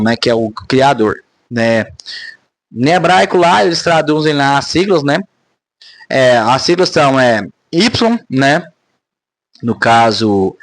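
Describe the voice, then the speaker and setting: A man's voice: on the high side, no echo. A man, talking casually to camera in a rambling vlog monologue, often ending phrases with tag questions. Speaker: spiritual vlogger.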